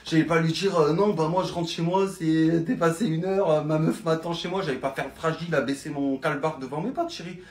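A man's voice: on the high side, steady tone, a little fast, few pauses, a little mellow. A man playing a sheepish boyfriend who makes placating excuses in a comedy sketch. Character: sheepish boyfriend home late. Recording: roomy echo.

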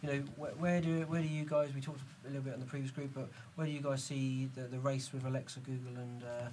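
A man's voice: mid-range voice, flat delivery, fast talker, a little mellow, distant mic, a little hiss or hum. A man hosting a podcast, chatting casually with lots of fillers and restarts. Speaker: podcast host. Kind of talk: casual business chat.

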